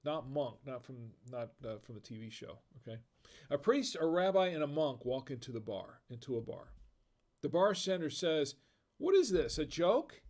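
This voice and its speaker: A man's voice: fairly high pitch, very animated, moderate pace, darkish tone. American man laughing at his own dad jokes. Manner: reads chat comments aloud. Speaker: livestream host. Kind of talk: casual live-stream chat.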